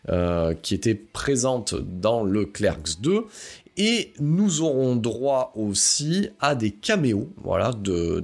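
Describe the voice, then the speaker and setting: A man hosting a casual film review podcast, rambling with many hesitations and wry asides. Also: on the low side. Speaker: podcast host.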